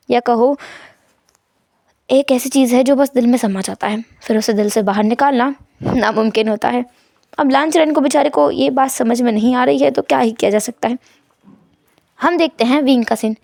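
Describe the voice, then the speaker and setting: Woman storyteller, high voice, dry close sound; narrates and voices squabbling characters. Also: moderate pace, creaky, pauses often, a little mellow, no echo. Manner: acts out quarrelling characters in dialogue. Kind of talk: fan fiction narration with voiced dialogue.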